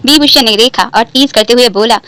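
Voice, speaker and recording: A woman's voice: on the high side, a little fast, pushed and bright, no room sound, low-quality recording. A woman narrating a romance fan fiction story, lightly voicing the characters' lines in her own voice.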